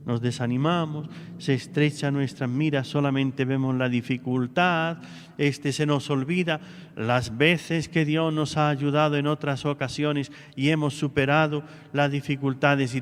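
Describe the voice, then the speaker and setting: A man preaching a homily in a slightly high voice, earnest and full of rhetorical questions. His words ring out with a long reverb, as in a church. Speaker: priest.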